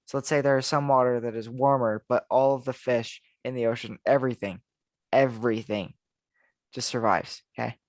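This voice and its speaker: Male podcast co-host, mid-pitch, rambling and chatty, dry close mic. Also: little pitch movement, fairly quick, few pauses, no echo, lo-fi sound. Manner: rambling, thinks aloud with restarts. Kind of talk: casual chat.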